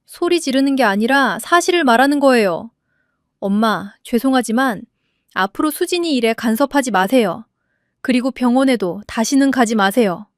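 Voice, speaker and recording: An earnest young husband pleads with his family but holds his ground, as a woman lowers her voice to play him. He speaks steadily and seriously, close to the mic. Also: expressive, moderate pace, dry recording, lightly acted.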